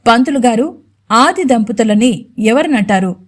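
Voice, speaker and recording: A woman's voice: fairly high pitch, animated, a little slow. A woman voicing a young male CEO, a stern and protective husband who speaks firmly and curtly in a Telugu audio story. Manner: firm, curt, commanding.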